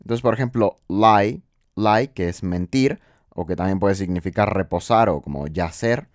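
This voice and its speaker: A man's voice: deep voice, moderate pace, no room sound. Guy teaching english grammar, patient step by step, keeps asking "ok?", dry close sound. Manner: patient, step-by-step explaining with rhetorical check-in questions. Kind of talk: explaining grammar rules.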